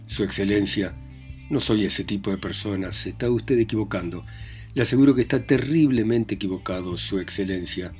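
Groveling, desperate gentleman played by a male narrator, slow begging delivery. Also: on the low side, faint music behind, natural voice. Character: pleading, humiliated middle-aged man caught under a bed.

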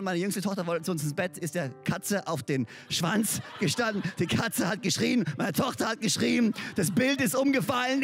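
A man preaching a sermon as a pastor, lively and emphatic, talking straight to his listeners in a conversational way with English words mixed in. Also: extremely high pitch. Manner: conversational, speaks directly to listeners.

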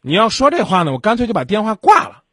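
A man's voice: high-pitched, wildly swooping pitch, rapid-fire, bright, forceful tone, no echo, studio quality. Blunt, scolding male radio host. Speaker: radio call-in advice host. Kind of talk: late-night radio advice talk. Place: radio studio. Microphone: studio microphone.

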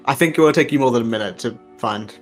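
A man's voice: medium pitch, fast, soft background music. A man narrating as game master in a tabletop game, talking hesitantly with lots of fillers and laughs.

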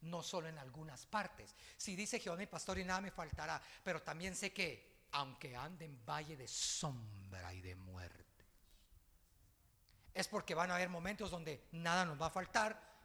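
A man preaching a sermon as pastor, emphatic, swinging from hushed asides to loud, forceful peaks. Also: on the high side, expressive, measured pace, in a large hall.

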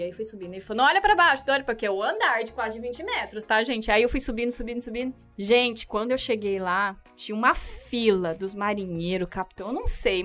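A Brazilian woman with a somewhat high voice recounts an anecdote in an easy, chatty way. She laughs often and jumps into other people's lines as she tells it. Soft music plays faintly behind her. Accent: Brazilian Portuguese. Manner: animated, laughs often, acts out dialogue, frequent tag questions. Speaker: guest telling a travel story. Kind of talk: casual anecdote in conversation.

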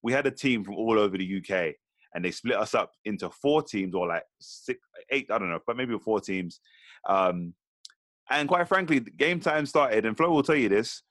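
Podcast co-host, slangy and animated, lowish voice, dry sound. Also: male voice, moderate pace, no echo. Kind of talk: casual podcast chat.

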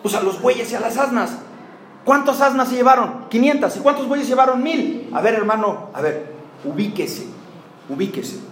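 A man's voice: very high-pitched, animated, normal speed. A man with a Mexican accent preaching a sermon, firing rhetorical questions and jokes at the congregation. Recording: roomy hall with faint background noise.

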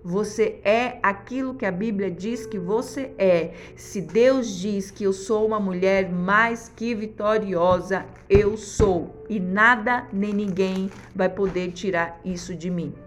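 A woman's voice: medium pitch, slow pace, hardly any pauses, soft background music. A woman pastor, preaching a devotional sermon in a fervent, exhorting way with repeated refrains.

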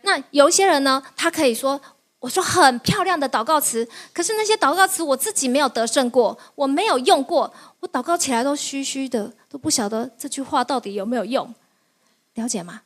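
A woman pastor, preaching a lively sermon, often laughing and firing quick questions at her listeners, then answering them herself. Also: high voice. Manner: laughs often while teaching.

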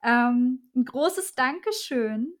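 Soft-spoken woman podcast host. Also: high-pitched, expressive, drawn-out words. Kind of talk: interview wrap-up.

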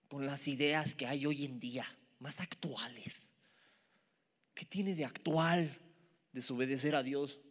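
A man delivers a sermon to young listeners, emphatic and lively, now and then sinking into a hushed whisper. His voice sits a little high, and it rings with the long reverb of a large hall. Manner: animated, emphatic, drops to a whisper for asides. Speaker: youth preacher.

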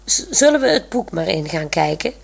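A woman's voice: lowish voice, very animated, moderate pace, gravelly, husky, heavily acted. A woman voicing a shy young man in love who stammers when flustered, in a radio story reading. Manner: hesitant, eager.

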